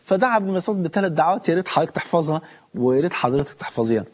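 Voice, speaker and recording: Egyptian male preacher, husky tone, quick fervent storytelling. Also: fairly high pitch, expressive, darkish tone. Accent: Egyptian Arabic. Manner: fervent, storytelling, quotes scripture in slow measured Classical Arabic. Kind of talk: sermon.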